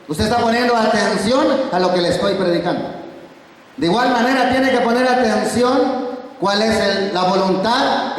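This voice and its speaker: High-voiced Mexican pastor in echoey hall. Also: male voice. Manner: emphatic preaching, repeating phrases, quizzing the congregation. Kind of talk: Sunday school sermon. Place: church hall. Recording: very echoey church hall from far off.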